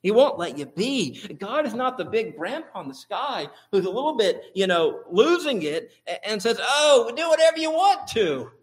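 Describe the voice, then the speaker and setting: A pastor preaches with a notably high-pitched voice. His delivery is emphatic and builds through repeated phrases. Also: big pitch swings, normal speed, hardly any pauses. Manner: emphatic, repetitive rhetoric. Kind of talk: sermon.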